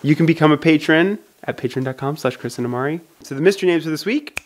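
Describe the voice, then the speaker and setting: A man's voice: a little high, a little hiss or hum. Playful man hosting a casual vlog. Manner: playful, sounding out odd names slowly. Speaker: vlog host. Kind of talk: casual chat.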